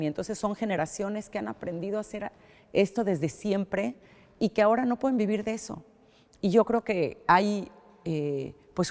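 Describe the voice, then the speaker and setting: Here the same kind of speaker, a middle-aged Mexican-accented art collector, responds to interview questions with care, frequently starting phrases over and filling pauses. Her pitch sits fairly low with a slightly mellow quality, heard through long hall reverb.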